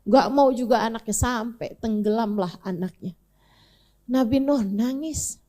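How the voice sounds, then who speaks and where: A woman preacher telling a sermon story, acting out dialogue with dramatic rises and falls and slow, deliberate pauses. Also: a little high, mellow. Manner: dramatic, acts out dialogue with rising and falling emphasis. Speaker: female Islamic preacher.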